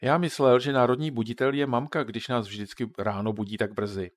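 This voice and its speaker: A man's voice: mid-range voice, steady tone, natural voice. A man voicing a curious little boy who keeps asking questions in a storybook reading. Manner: eager, questioning.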